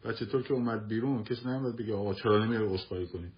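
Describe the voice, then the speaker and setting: A man with a fairly low voice hosts a live talk stream, fielding listeners' questions in a casual, argumentative manner and repeating points for emphasis. The recording sounds muffled.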